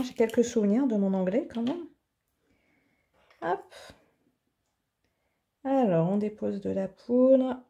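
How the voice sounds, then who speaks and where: A woman's voice: on the high side, mellow. A woman hosting an art tutorial in her home office, chatting casually and thinking aloud with plenty of fillers as she demonstrates.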